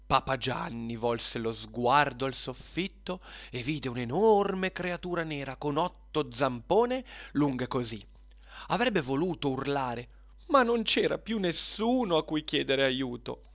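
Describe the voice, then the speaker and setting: A storyteller reading a children's story aloud with expression. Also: mid-range voice. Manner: expressive, unhurried.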